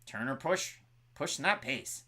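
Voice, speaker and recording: Lively bright-voiced man calling fights. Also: medium pitch, unhurried. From Canada. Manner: excitable play-by-play calling, reads out fan scores. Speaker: co-host. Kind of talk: live fight watch-along commentary.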